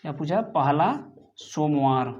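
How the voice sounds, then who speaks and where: A man's voice: on the high side, a little slow, darkish tone. A man teaching an exam-prep calendar math lesson. He poses questions to the class, answers them himself, and counts through each step of the working aloud. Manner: repeats his own questions and answers them. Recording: slightly muffled lo-fi sound.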